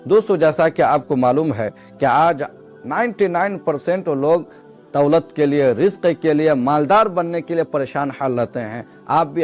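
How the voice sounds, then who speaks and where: A man with a way of speaking, earnestly explaining a devotional practice to his viewers step by step and repeating himself. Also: on the high side. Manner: earnest, repetitive, addresses viewers as friends. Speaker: religious instructor. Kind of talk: devotional instruction to camera. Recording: soft music behind.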